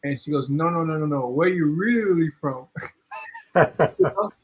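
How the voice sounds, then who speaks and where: At normal speed, a husky, slightly high-pitched man tells a casual story on the podcast he co-hosts. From Ghana, he's chatty and keeps checking on his listener, repeating "you know what I'm saying" again and again.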